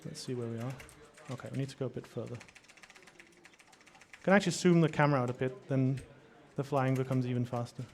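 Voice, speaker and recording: A man giving casual live gameplay commentary in a hesitant, halting way as he explains the game. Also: medium pitch, steady tone. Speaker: speedrunner. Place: live event with small audience. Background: game music and sound.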